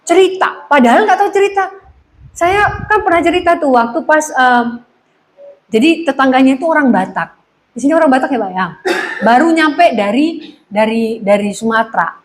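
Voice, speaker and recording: High-voiced woman pastor, lively sermon. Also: normal speed, poor audio. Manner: lively storytelling, acting out gossiping neighbours.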